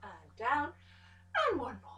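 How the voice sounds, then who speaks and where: A woman pilates instructor giving calm step-by-step cues to an exercise class, encouraging as she goes. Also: fairly high pitch, takes it slowly, recorded from a distance. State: out of breath at times. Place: pilates studio room. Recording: echoey studio room, voice from off the mic.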